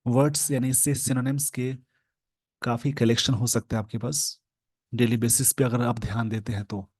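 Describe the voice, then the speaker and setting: A man with an Indian accent teaching English in Hindi, explaining an editorial word by word and slowing down to read the English phrases. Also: mid-range voice, fairly even intonation, darkish tone, no room sound. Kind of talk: Hindi-language English lesson reading an editorial.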